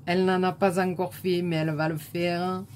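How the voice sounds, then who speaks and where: A woman with a southern French accent, a scrapbooking vlogger softly admiring crafts one by one in a casual show-and-tell chat. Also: fairly low pitch, little pitch movement, moderate pace, a little hiss or hum.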